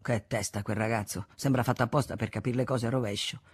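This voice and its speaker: A woman doing a gruff, curt merchant. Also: rumbling low, fairly even intonation, fast, no room sound, clean studio sound, voice pushed down. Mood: dismissive. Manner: curt, brusque. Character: gruff middle-aged male merchant, brusque.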